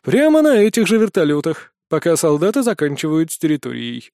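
A man voicing a calm, practical male academy official who speaks in a matter-of-fact, reassuring way. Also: a little high, brisk, no echo, studio quality.

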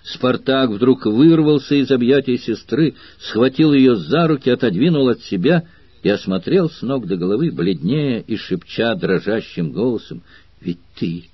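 Man reading an old adventure audiobook, husky low voice, dry dull lo-fi sound. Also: lively intonation, normal speed, dry recording. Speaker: audiobook narrator. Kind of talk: dramatic audiobook narration.

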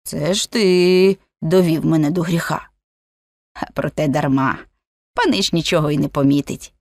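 A woman's voice: sits low, normal speed, a little mellow, dry recording, studio quality. A woman voicing a chatty, grumbling male servant who mutters to himself and his dog in an audiobook.

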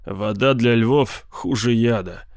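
A man voicing an old male zookeeper who is gruff and devoted to his animals. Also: medium pitch, slow pace, a little mellow, dry recording, studio quality. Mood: dismissive. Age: older. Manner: dismissive, then grieving.

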